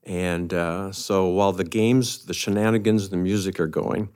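A man's voice: low-pitched, steady tone, moderate pace, darkish tone, a little hiss or hum. An older man, a pastor, telling a self-deprecating story on a podcast.

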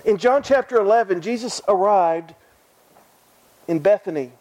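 A man with a high voice preaches an earnest sermon. He repeats his phrases and puts direct questions to his listeners. The sound is dry and close, with no room echo. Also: moderate pace, a little mellow.

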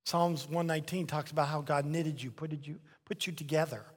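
A man preaching a sermon as a pastor, animated and emphatic, repeating phrases to drive them home. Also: on the high side, fairly quick. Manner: animated, acts out little dialogues, repeats for emphasis. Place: church sanctuary. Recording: long reverb of a large hall.

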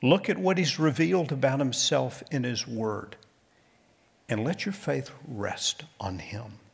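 Slow, husky-voiced male preacher. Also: mid-range voice. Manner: slow, deliberate preaching with quiet emphatic drops. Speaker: pastor. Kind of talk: sermon.

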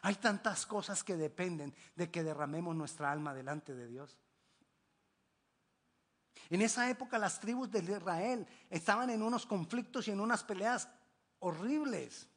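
A man preaching a sermon as pastor, with emphatic exclamations, hushed low drops and repeated rhetorical questions. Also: animated, normal speed.

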